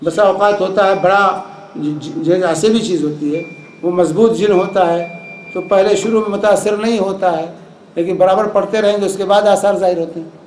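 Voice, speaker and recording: Urdu-accented male lecturer, high voice, patient explainer, echoey hall with faint hiss. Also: moderate pace. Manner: calm explanatory, repeats points for emphasis. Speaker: Islamic lecturer. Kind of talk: lecture with audience questions.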